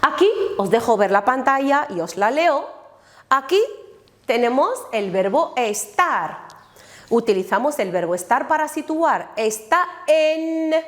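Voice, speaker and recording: A woman teaching a language lesson, slowly and deliberately modeling each word aloud for her students. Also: a little high, a bit bright. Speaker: Spanish teacher. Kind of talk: recorded classroom lesson. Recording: echoey room.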